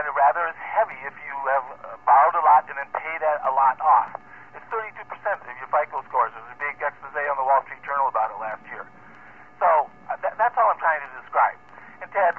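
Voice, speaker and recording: A man's voice: fairly high pitch, breathy edge. Ranting man over tinny two-way radio. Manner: ranting, repetitive, taunting. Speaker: ham radio operator. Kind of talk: heated radio argument. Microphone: handheld radio transceiver.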